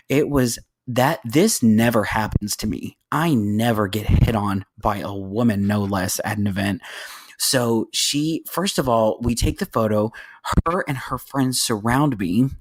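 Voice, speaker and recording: A man in his thirties, a podcast host, telling a story in casual chat and acting out the voices in it. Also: mid-range voice. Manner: animated, acts out voices in his anecdotes.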